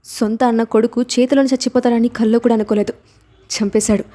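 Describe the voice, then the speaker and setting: A woman's voice: fairly high pitch, little pitch movement, fast, warm tone, lightly acted. A woman voicing a grieving middle-aged widow who wails angrily, in a storybook reading. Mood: grieving fury. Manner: wailing, angry.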